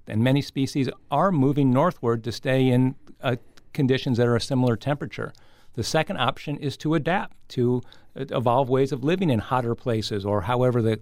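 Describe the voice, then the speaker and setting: A man giving measured, articulate explanations as a scientist guest in an interview. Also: mid-range voice, dry recording.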